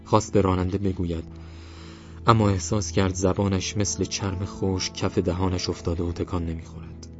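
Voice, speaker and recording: A man narrating an audiobook novel in a measured, literary reading that softens on descriptive passages. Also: low voice, level tone. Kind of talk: scripted narration. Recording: slightly muffled, soft music behind.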